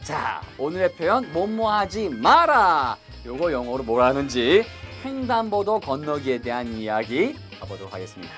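A man teaching English in a lively video lesson, drawing out English phrases slowly between quick asides. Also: mid-range voice. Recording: faint music underneath.

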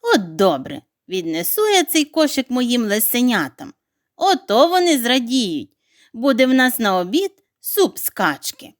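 A woman's voice: sits high, sing-song, measured pace, no echo, clean studio sound, full character voice. A woman voicing a sly, hungry female fox who sniffs and plots. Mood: scheming.

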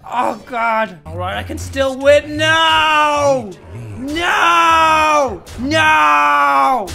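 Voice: high-pitched, bright, forceful tone, full character voice. A performer voicing a tusked walrus character who hosts game videos and yelps and shrieks at the game in playful commentary. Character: excitable tusked walrus gamer. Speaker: gaming video host. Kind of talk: let's play commentary.

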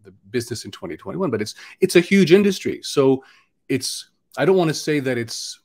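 Canadian male host, casual conversational interviewer, mid-pitch, frequent restarts. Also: very animated, a little fast, a little mellow.

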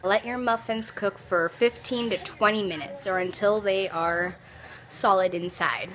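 A young woman films a casual baking tutorial in her home kitchen, chatting away with plenty of "like" and "you know." Her medium-pitched voice is steady, a bit bright and a little slow. The phone or camera is held at arm's length, with music playing underneath.

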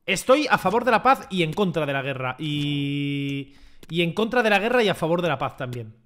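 A young man commenting excitedly on his own football video game match, joking and shouting at big plays. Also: fairly high pitch. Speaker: gaming streamer.

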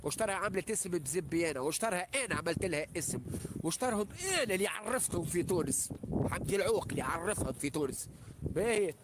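A man's voice: high-pitched, animated, fast talker, noisy background. A man with a Tunisian accent, ranting on a live stream and hurling insults, boasting and repeating himself with heavy swearing. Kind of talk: angry live-stream rant.

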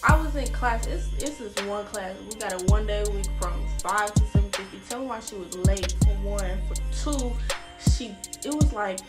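A woman's voice: mid-range voice, normal speed, over loud music. A young woman, a college student, talking casually and animatedly straight to her phone camera in a small room, full of slang. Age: young adult. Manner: chatty, slangy, animated, talks straight to viewers. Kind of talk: casual vlog talk to camera. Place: small indoor rooms, dorm and bathroom. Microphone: phone camera at arm's length.

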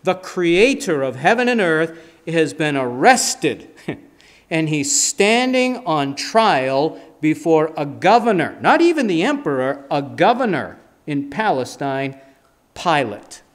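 Speaking slowly in a higher, sing-song voice, a pastor in his fifties delivers a sermon with emphatic gestures at a church pulpit. The sanctuary recording uses a pulpit mic and a fixed camera.

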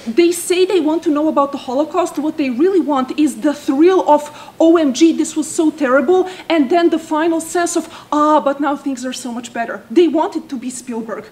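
A woman's voice: high voice, normal speed, few pauses, a little mellow. A woman historian introducing herself at an academic workshop, articulate with a dry cynical edge, in a seminar room. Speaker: historian, conference panelist. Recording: faint room noise.

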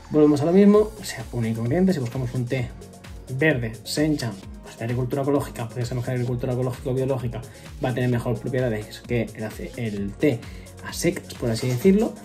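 Mellow-voiced man explaining nutrition tips. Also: medium pitch. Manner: explains step by step, frequent fillers and self-corrections. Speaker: nutrition vlogger. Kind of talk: casual explanatory vlog. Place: home room with wooden ceiling, indoors.

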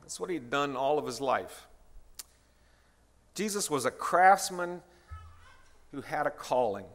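A man's voice: on the high side, animated, slow. A retired pastor in his sixties, preaching a guest sermon in a conversational way and calling out to the congregation. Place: church sanctuary. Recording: reverberant church hall.

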